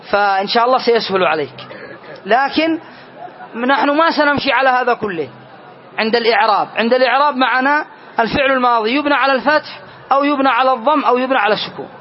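Guy with a really high voice teaching a grammar class, keeps asking "clear?", dull lo-fi recording. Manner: repeats key phrases and often checks "clear?" with students.

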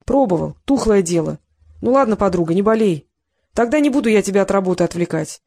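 A woman reader doing a tired, wry middle-aged investigator stuck in a hospital bed. He talks dry and gruff, with a bit of a grin in it. The audiobook voice is close to the mic, with a dead, dry sound. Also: sits high, lively intonation, a little fast, a little mellow, no room sound, heavily acted.

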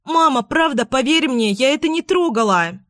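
A frightened young girl, put on by a woman narrator pleads through tears, her voice pitched high and breaking. Each line comes slowly and is close and dry, with no room sound. It sounds like an audiobook character voice. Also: no echo, close to an everyday voice. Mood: pleading. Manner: high, sobbing, desperate pleading. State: crying.

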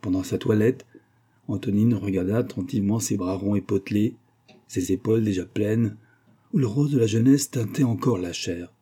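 Male audiobook narrator, low and husky, measured literary reading. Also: dark tone. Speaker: audiobook reader. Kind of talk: scripted narration.

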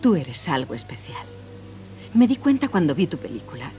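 A woman's voice: medium pitch, very animated, fairly quick, faint music behind, lightly acted. An actress playing an earnest, eager young working woman in a dubbed film comedy. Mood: tender.

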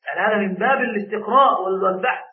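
A man's voice: high voice, very fast. A man with an Egyptian accent teaching a religious law class as a sheikh, quizzing his students and repeating key words back to them. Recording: tinny phone-like sound in an echoey room.

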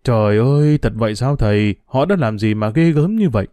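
A humble, anxious older boatman , as a male reader puts him on, deferential and quick to cry out in worry. The voice is warm and mellow and sits close and dry. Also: lowish voice, expressive, dry recording, pitched below the performer's own voice, close to an everyday voice. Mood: worried. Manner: deferential, fretful exclamations.

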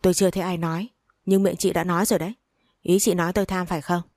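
A woman's voice: lowish voice, little pitch movement, very fast, a little mellow, dry recording, studio quality, lightly acted. A woman reading the lines of a greedy, spiteful older mother-in-law who scolds and curses. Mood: furious. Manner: scolding, cursing, sneering.

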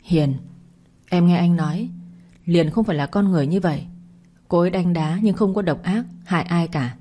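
A woman's voice: lowish voice, normal speed, warm tone, close to an everyday voice. A woman storyteller voicing a grieving young husband who pleads earnestly with his wife. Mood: pleading.

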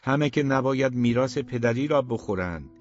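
A man voicing a quiet, stubborn young man who answers low and firm in an audiobook. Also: expressive, lo-fi sound, soft background music, natural voice. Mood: quietly defiant. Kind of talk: audiobook character reading.

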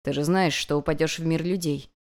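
A woman voicing an ancient male god, a weary and restrained teacher speaking softly and evenly. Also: low voice, pitched below the performer's own voice, lightly acted. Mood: weary calm. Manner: soft, even and measured.

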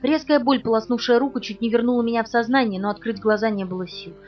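A woman reading an audiobook in the first person, in an expressive, dramatic manner. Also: a little high, quick pace, far from the mic, muffled recording, soft background music. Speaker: audiobook reader.

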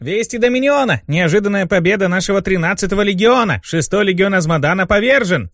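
A man voicing a pushy little male imp newsboy in an audiobook, shouting sales cries. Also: animated, quick pace, vocal fry, no echo, soft background music, full character voice. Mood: hawking. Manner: shrill barking sales cries.

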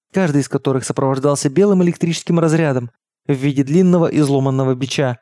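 A man reading an audiobook in steady, measured narration. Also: fairly high pitch, no room sound, studio quality. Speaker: audiobook reader. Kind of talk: scripted narration.

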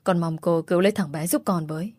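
A tearful desperate young mother, pleading over and over in a low, mellow voice, as a woman reads her out in a storybook. the sound is dry and close, with faint music underneath. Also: quick pace, no echo, natural voice.

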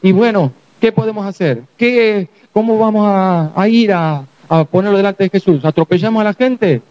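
A man's voice: sits high, normal speed, a little mellow, muffled recording. A man with a Rioplatense Spanish accent preaching a sermon as pastor, acting out the voices of people in the story.

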